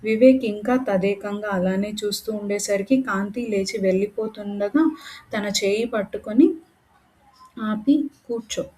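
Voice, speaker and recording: A woman narrating a romantic story in a steady, unhurried storytelling manner. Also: medium pitch, rough recording. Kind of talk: scripted narration.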